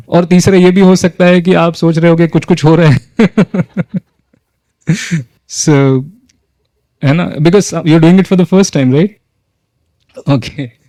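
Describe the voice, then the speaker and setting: A man's voice: sits high, steady tone, extremely slow, pauses often, warm tone, no room sound. Man leading an interactive workshop. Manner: engages the audience with frequent questions, mixes in English phrases. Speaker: workshop facilitator. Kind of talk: interactive talk leading a group exercise.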